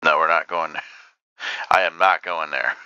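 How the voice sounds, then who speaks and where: A gaming-channel host with a bass voice talks casually as he plays a racing game, rambling with plenty of ums. His pitch barely moves, his pace is measured and smooth, and the lo-fi recording has no echo. Loud racing engines from the game run behind his voice.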